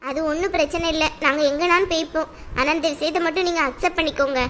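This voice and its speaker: A worried cartoon mother, voiced by a woman, with a lower, quiet tone. She pleads softly and sounds subdued. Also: steady tone, fast talker, a little hiss or hum. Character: worried soft-spoken mother.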